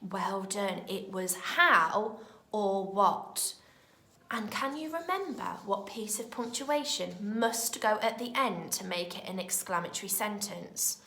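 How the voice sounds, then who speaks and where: Slow, expressive British woman teacher. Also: medium pitch, reverberant. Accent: British English. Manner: slow, clear and expressive, speaking to small children. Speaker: primary school teacher. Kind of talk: recorded remote lesson for young children.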